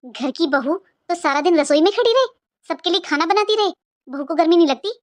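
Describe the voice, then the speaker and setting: A woman's voice: extremely high pitch, expressive, a little fast. Woman voicing a bossy, nagging sister-in-law. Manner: nagging, taunting, sharp-tongued. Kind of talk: cartoon voice acting.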